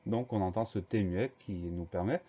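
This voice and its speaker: A man's voice: deep voice, moderate pace, warm tone, muffled recording. Patient man spelling words aloud. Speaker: primary school teacher. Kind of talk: spelling lesson for children.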